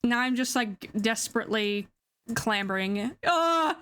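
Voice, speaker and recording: A young woman streams her gaming in live-stream chatter, giggling and turning each setback into playful melodrama. Her voice sits high and swings widely in pitch, and it is bright and unhurried. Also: animated.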